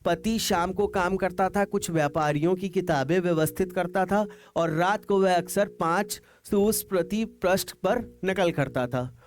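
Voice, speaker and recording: A man teaching an English lesson, reading each English line slowly and then explaining it in Hindi. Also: high-pitched, slight background noise. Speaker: English tutor.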